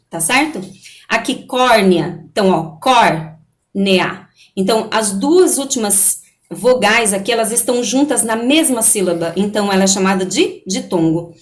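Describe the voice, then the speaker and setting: A patient woman teacher walks young pupils through a lesson, step by step, often pausing to check they follow. Her voice sits a little high, and the room around her is echoey. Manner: patient, repeats "né?" and "tá certo?" often. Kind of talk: recorded online class.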